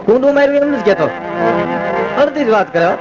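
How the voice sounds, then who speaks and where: A man's voice: very high voice, animated. A man, telling funny stories and moralizing on stage at a festival program, acting out the dialogue in his anecdotes. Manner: rapid anecdotes acting out quoted dialogue, turning earnest and moralizing. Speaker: folk humorist. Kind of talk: live stage humor storytelling. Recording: lo-fi live recording with music behind.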